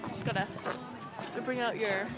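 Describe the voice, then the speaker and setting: A woman's voice: a little high, fairly even intonation, a little slow, loud music behind the voice. A young woman from Canada talking playfully with a friend while walking outdoors at a zoo light display. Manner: playful, teasing, trails off mid-sentence. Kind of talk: casual chat. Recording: crowded outdoor handheld recording.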